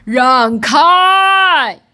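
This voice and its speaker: Woman acting as a slow roaring old demon. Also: sits high, animated, sharp tone, heavily acted. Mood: menacing. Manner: roaring, drawn-out threats. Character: huge bearded old male demon, menacing.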